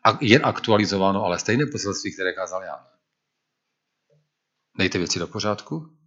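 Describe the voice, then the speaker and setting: Earnest low-voiced man preaching a sermon. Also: fairly bright tone, breathy edge, muffled recording. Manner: earnest, rising to emphatic declamation when quoting scripture.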